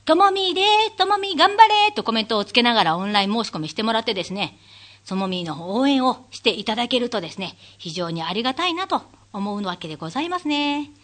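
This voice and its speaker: A woman hosting her own talk show, chatting alone and acting out what people said with big jumps in her voice, laughing often. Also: quick pace. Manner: animated storyteller who acts out quotes with big pitch leaps; laughs often while talking. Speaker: radio show host; stage manager. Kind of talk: casual solo talk-show monologue.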